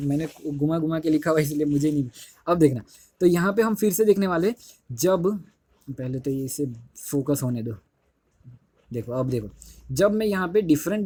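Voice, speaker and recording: A man's voice: high-pitched, a little mellow, slightly rough, no echo. A young man teaching a chemistry lesson in casual Hindi classroom style, repeating himself and correcting slips as he writes. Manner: repetitive, keeps saying "dekho", self-correcting. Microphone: phone held while writing on screen.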